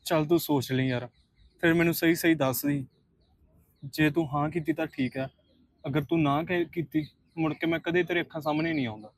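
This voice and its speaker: Guy acting as young suitor pleading earnestly, slightly high voice, soft coaxing drama lines. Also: steady tone, a little fast, no echo. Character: young man earnestly proposing marriage. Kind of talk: short film drama acting.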